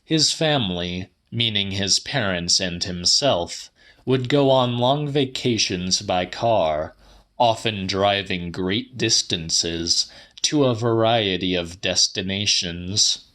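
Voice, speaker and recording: In this dramatic audiobook of literary fiction, the male narrator speaks in a bright, firm, lower-pitched voice. He takes his time, lingering deliberately over every phrase.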